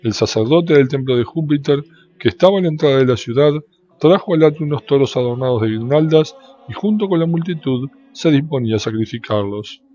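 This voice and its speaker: A man's voice: mid-range voice, expressive, fairly quick, mellow. Solemn man reading scripture, muffled sound. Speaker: Bible reader. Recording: dull, lo-fi with faint background noise.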